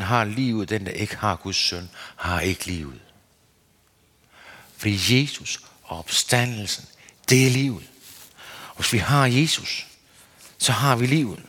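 A man giving an earnest, searching sermon as a preacher, his pitch rising and falling. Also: bright, forceful tone. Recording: long hall reverb.

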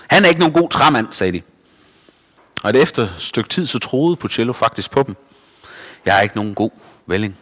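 A man reading a children's story aloud in a lively, expressive way. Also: lowish voice, in a large hall.

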